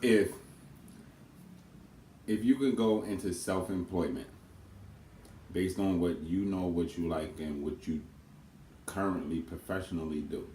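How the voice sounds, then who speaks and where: A man's voice: low voice, a little slow, pauses often, dark tone. A man co-hosting a casual question-and-answer video with his twin, speaking earnestly and with emphasis. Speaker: co-host twin. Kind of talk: casual Q&A chat. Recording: echoey room with faint noise.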